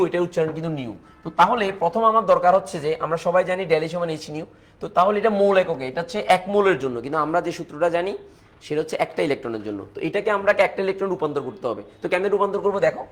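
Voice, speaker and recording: A man with a Bangladeshi Bengali accent teaching chemistry in a live online class. He works through calculations step by step, repeats key points, and answers viewers' comments. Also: on the high side.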